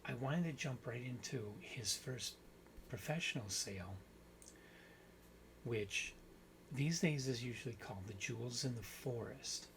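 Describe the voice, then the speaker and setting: Man, book channel host, casual discussion, mid-pitched voice, rambling, self-correcting, faint background hiss. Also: lively intonation, unhurried, pauses often, fairly bright tone, rough recording.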